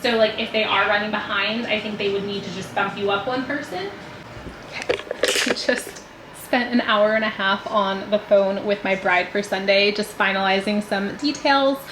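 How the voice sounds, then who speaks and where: A woman's voice: medium pitch, moderate pace. A woman in her thirties chatting casually to camera for her vlog, rambling with lots of filler words and sounding stuffy from a cold. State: congested from a cold. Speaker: vlogger. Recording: echoey room with loud background noise.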